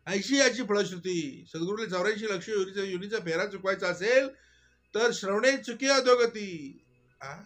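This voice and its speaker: A man giving a devotional discourse, full of rhetorical questions and swinging between soft murmurs and loud exclamations. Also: high-pitched, normal speed. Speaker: spiritual teacher.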